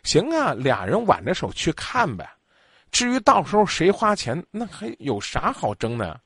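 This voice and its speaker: A radio advice show host with a medium-pitched voice takes calls and bluntly scolds the caller. He's lively and acts out quotes, recorded in studio quality with no room sound.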